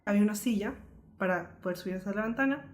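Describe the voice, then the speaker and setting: A young woman from Colombia talks quickly and earnestly as she tells her own painful story. Her delivery flows without pause, lively and candid, like a co-host opening up on a podcast. Her voice sits at an ordinary middle pitch for a woman. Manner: earnest, fast-flowing, lively retelling.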